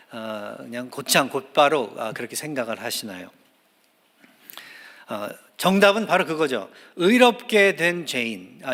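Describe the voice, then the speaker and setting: A male pastor preaching a sermon in earnest, hesitant speech, filling pauses with drawn-out "ah" and "uh" and repeating key phrases for emphasis. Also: mid-range voice, bright, forceful tone. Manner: hesitant, with many drawn-out "ah" and "uh" fillers. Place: church sanctuary. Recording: long church hall reverb.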